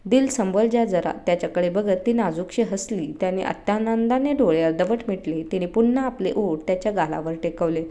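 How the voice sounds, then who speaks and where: Woman narrating a romance story, mellow voice. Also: fairly low pitch, a little fast, hardly any pauses.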